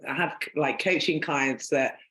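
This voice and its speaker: Her voice is deep and fairly bright, and she takes her time. She's a Northern English podcast host conducting a casual, rambling interview peppered with "um" and "like," captured in an echoey room.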